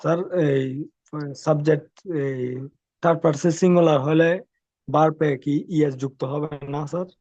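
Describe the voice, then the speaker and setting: A man's voice: a little high, fairly even intonation, moderate pace, darkish tone, dry recording, lo-fi sound. A man with a Bangladeshi accent, a student who politely asks his teacher a question.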